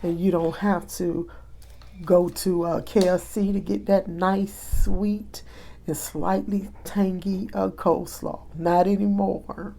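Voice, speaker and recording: Woman cooking host, homey and chatty, unhurried delivery, gravelly voice, home kitchen. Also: mid-range voice, level tone, dark tone. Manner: chatty, homey, with frequent fillers. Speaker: cooking vlogger. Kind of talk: casual recipe demonstration.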